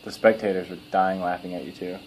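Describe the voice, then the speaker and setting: A man's voice: low-pitched, level tone, fast. A man chatting casually and jokingly with companions. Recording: very loud background noise.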